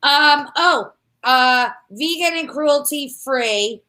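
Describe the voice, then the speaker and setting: A woman's voice: sits high, bright, forceful tone. A woman co-hosting a casual chat about products, playful and teasing, fond of made-up words. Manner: playful, unhurried, laughs at her own made-up words. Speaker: co-host.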